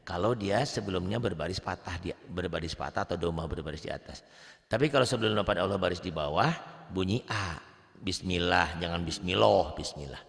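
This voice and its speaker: A man's voice: gravelly, big-room sound. A man with an Indonesian accent teaching Quran reading one-on-one, patiently explaining recitation rules. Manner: patient, explains rules then chants verses high to demonstrate.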